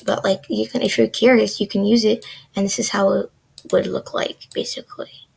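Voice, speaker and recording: Young woman, kinda husky and gravelly, rambly coding tutorial talk with lots of likes and ums. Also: mid-range voice, flat delivery, normal speed, a little mellow. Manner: chatty, filler-heavy, says "like" a lot. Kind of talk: casual screen-recorded coding lesson.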